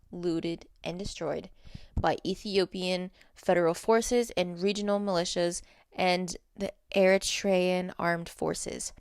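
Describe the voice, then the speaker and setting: A woman's voice: medium pitch, clear, resonant tone, dry recording. A woman with a standard American accent, reading notes aloud in an informal advocacy vlog with blunt, emphatic delivery and candid asides. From United States. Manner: blunt, emphatic, casually profane. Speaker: social media content creator.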